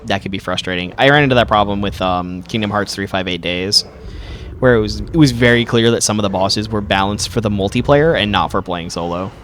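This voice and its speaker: A young man chats casually through a co-op game session. His voice sits a little low, and his talk rambles in a relaxed way. Quiet game ambience murmurs underneath. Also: fairly quick, a little hiss or hum. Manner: rambling, relaxed, with bursts of startled yelling. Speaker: gaming video host. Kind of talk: casual co-op gameplay chat.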